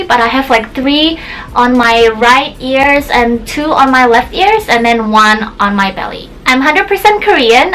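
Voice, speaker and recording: A bubbly beauty vlogger in her twenties, raised in Indonesia and a native Indonesian speaker, chats casually to her camera about herself, using "like" constantly. Her high, fairly bright voice comes through a low-quality recording with a little hiss or hum.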